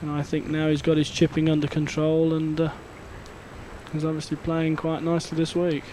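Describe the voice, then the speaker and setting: A man's voice: on the high side, monotone, fairly quick, dark tone. A man working as a golf commentator, giving live analysis in a conversational way. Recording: clear outdoor background noise.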